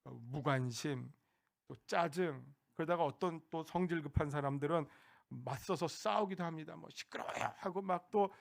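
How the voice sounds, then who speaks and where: A pastor preaching a Sunday sermon, talking directly to the congregation in a conversational way with frequent hesitations. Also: male voice, fairly high pitch, normal speed, vocal fry.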